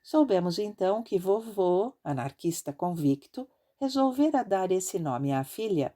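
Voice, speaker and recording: A woman narrating an audiobook in a measured, expressive reading style. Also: medium pitch.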